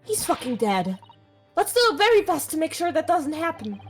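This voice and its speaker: A woman's voice: sits high, very animated, normal speed, soft background music. A woman playing a game with friends, reading dialogue aloud and tossing in sweary, teasing asides. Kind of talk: playful let's-play chat with read-aloud game lines.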